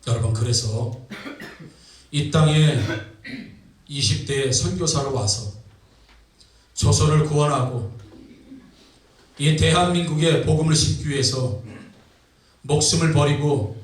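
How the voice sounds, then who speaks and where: A male pastor preaching in a church sanctuary, with a voice that sits high for a man. He retells scripture like a story, heard from a distance through heavy echo. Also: takes it slowly, pauses often. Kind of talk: sermon. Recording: echoey hall from far off.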